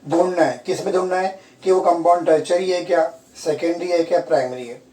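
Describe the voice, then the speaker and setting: Male chemistry teacher, Hindi-English mix, mellow higher voice, roomy sound from a distance. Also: steady tone, fairly quick. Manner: asks students questions and repeats key terms. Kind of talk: classroom lecture. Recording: echoey room, from far off.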